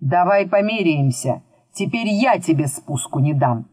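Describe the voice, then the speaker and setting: Woman doing calm wry wizard man, teasing a bit, slow, close dry mic. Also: lowish voice, slightly rough, dry recording. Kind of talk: audiobook reading.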